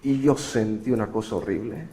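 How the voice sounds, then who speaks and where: Animated middle-aged preacher telling his story. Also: fairly low pitch, moderate pace, slight background noise. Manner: animated, shifting sharply between loud emphasis and quiet. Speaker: pastor. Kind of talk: sermon storytelling.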